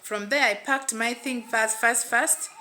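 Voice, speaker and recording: A woman with a Ugandan English accent tells a first-person story aloud, with a bright, forceful tone and a voice that sits a little high. She keeps circling back with repeated phrases and loose fillers. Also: steady tone, a little slow, slight background noise. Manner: repetitive, plain retelling with "what and what" fillers.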